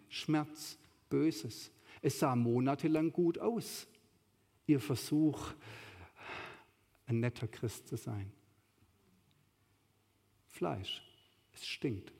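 A man's voice: a little high, darkish tone. A man giving a sermon with slides, talking conversationally and rising to emphatic peaks. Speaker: preacher. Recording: long hall reverb.

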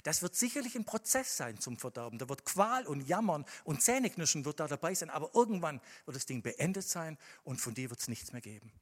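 A man preaching a sermon to a congregation, moving between quiet, measured scripture reading and loud, impassioned emphasis. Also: on the high side, big pitch swings. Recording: hall with long reverb.

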